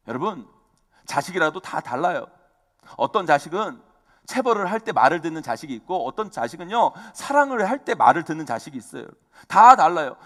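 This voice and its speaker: A middle-aged man preaching a sermon as pastor, animated, calling out to the congregation again and again. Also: high voice. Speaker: senior pastor. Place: church sanctuary. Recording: long reverb of a church hall.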